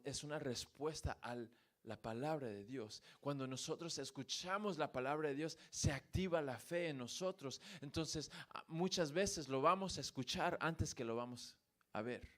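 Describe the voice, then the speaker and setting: A man preaching a sermon in a church, swinging between emphatic peaks and quiet, repeated refrains. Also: medium pitch, a little slow. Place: church sanctuary.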